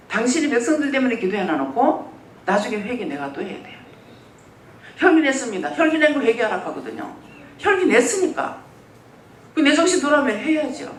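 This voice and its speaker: A pastor preaching a sermon in a church, telling stories and acting out what people said. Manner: lively storytelling, acts out quoted speech. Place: church sanctuary. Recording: roomy church hall, mic at a distance, faint rumble.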